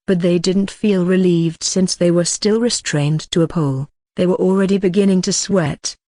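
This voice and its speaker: A synthetic voice narrates a dark fantasy web novel in a steady, even reading. It sits at a middle pitch, and the sound is dry and close with no room around it. Some words come out mispronounced. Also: no echo. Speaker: audiobook narrator.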